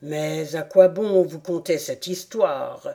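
A woman voicing an easily offended male rat in a storybook, speaking lower and louder in indignation. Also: slow pace, vocal fry, heavily acted. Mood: reproachful. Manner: indignant, lower and louder than her narration.

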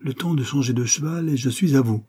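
A man's voice: medium pitch, fairly quick, mellow, breathy edge, voice pushed up, natural voice. A man voicing a humble cab driver giving short, respectful answers. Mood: deferential. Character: humble male cab driver, deferential and wary.

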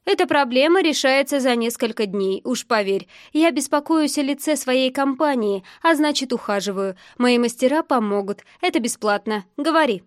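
A woman voicing a confident, businesslike female salon owner who speaks smoothly and persuasively in an audiobook. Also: high voice, lively intonation, normal speed, few pauses, dry recording, clean studio sound. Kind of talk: audiobook character voice.

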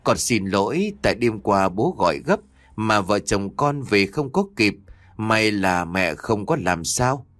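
A man voicing a soft-spoken, apologetic young mother in a spoken ghost story, talking slowly. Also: lowish voice, big pitch swings, dry recording.

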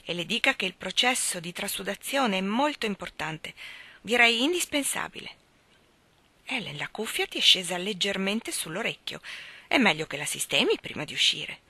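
A woman's voice: mid-range voice, big pitch swings, moderate pace, bright, forceful tone, no room sound, exaggerated voice. A woman voicing a small, wrinkled, proud old spinster in an audiobook, speaking with stiff, bitter formality.

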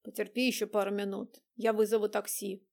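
A woman's voice: medium pitch, little pitch movement, fairly quick, vocal fry, a little mellow, lightly acted. A woman voicing a persistent young man who keeps pressing his question, in an audiobook. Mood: insistent. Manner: insistent questioning.

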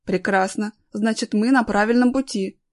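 A woman reading a bossy adult male vagabond who leads a search party, giving brisk orders in a raised voice. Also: medium pitch, close to an everyday voice. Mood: commanding.

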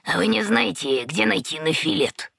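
A woman voicing a brash young male stray dog with a gravelly, husky voice. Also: on the low side, lively intonation, moderate pace, a bit bright, no echo, heavily acted. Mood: taunting. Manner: taunting, boastful.

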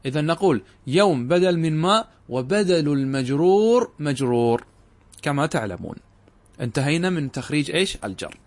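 A man's voice: on the high side, animated, moderate pace. Middle-aged man teaching Arabic grammar. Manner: explains step by step, asking and answering his own questions; addresses students directly and urges them to pay attention. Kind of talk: classroom lecture.

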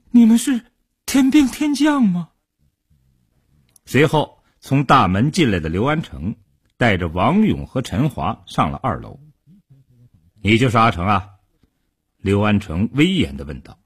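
A man's voice: fairly low pitch, breathy edge. A man narrating a true-crime serial for radio, dramatic and acting out the characters' lines. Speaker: radio storyteller. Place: radio studio.

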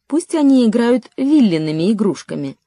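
Storybook casting: a woman doing a snooty spoiled rich girl, raised pitch, dismissive. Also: sing-song, moderate pace, mellow, no room sound, studio quality. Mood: bossy. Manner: haughty, dismissive.

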